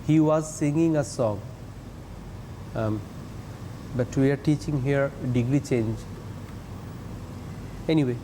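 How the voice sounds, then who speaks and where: A man's voice: medium pitch, extremely slow, pauses often, noisy background. A male teacher, giving a TV lesson on English grammar and stressing his words and syllables. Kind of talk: TV classroom lesson.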